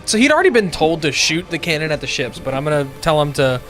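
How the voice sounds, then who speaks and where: Slightly high-voiced man playing a tabletop game. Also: sing-song, quick pace, fairly bright tone. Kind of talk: casual chat. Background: background music.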